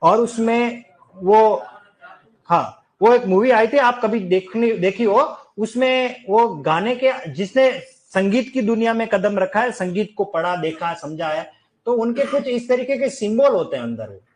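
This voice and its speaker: Man, high voice, classroom teacher, lively, sings examples, asks questions. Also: measured pace. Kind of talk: classroom lecture.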